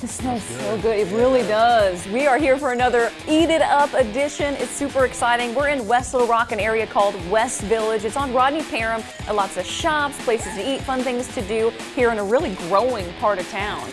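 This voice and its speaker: A woman opening a food segment as reporter, bubbly and excited. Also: on the high side, fairly quick, few pauses, over music.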